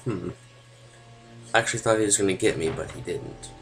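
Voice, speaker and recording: A young man talks over a video game in a loose, conversational way, with dry sarcasm and a few swear words. His voice sits on the low side, and soft music plays faintly behind him. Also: brisk, gravelly, low-quality recording. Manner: sarcastic, swearing, jokey asides. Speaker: let's play gamer. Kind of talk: casual gameplay commentary.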